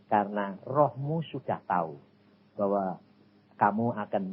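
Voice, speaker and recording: An elderly man with a Javanese accent voicing God as a calm, solemn male figure, speaking low and measured. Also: a little hiss or hum. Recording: tinny phone-like recording.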